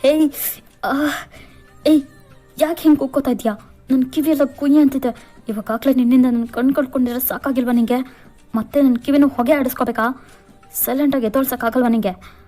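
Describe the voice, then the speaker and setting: A woman voicing a gruff, bossy injured young man. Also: medium pitch, fairly even intonation, brisk, warm tone, faint music behind, natural voice. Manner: snappish, scolding, demanding.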